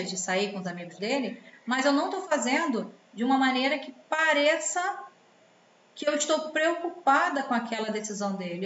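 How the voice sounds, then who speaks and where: Expressive woman giving advice. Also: a little high. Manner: expressive, rhetorical questions, acts out quoted voices. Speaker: relationship advice host. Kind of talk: commented reading, advice talk. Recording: roomy, slightly dull sound with faint background noise.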